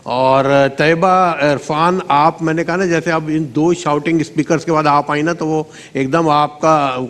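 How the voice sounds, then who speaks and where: Male judge, fairly high voice, rambling and encouraging with kids, reverberant studio. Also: steady tone, fairly bright tone. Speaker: competition judge. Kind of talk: giving feedback to child contestants.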